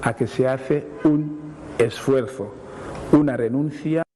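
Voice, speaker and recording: A man, a language academic on TV who explains word meanings at a measured pace, often repeating himself and giving examples. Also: medium pitch, dark tone. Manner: measured, repeats himself, reads definitions then gives examples. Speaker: language academic answering viewer questions. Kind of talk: explanatory TV segment. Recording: reverberant studio with faint hiss.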